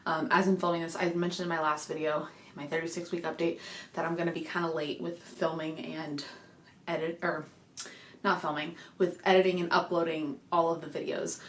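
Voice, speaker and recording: Young woman, vlogger, rambling, chatty, slightly breathless, lowish voice, echoey room. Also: level tone, brisk, a little hiss or hum. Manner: rambling, chatty, many fillers. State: a little out of breath. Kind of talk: casual pregnancy update vlog. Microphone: desk microphone.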